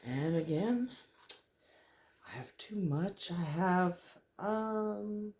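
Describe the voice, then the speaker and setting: A woman's voice: lowish voice, extremely slow, a little mellow, slight background noise. A woman chatting casually to viewers as she works on a craft, thinking aloud as she goes. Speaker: craft vlogger hosting a resin tutorial. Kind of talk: casual chat while working.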